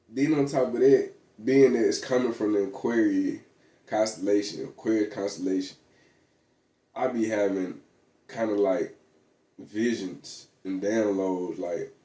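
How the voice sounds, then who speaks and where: A man's voice: medium pitch, warm tone. A man vlogging in a casual, rambling monologue, full of slang, fillers and restarts. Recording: echoey room.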